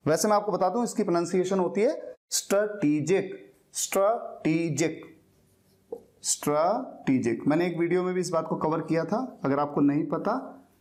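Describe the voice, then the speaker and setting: A man's voice: high-pitched, darkish tone. Patient male teacher explaining step by step. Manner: patient, repeats words slowly to model pronunciation. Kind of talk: explanatory classroom lecture.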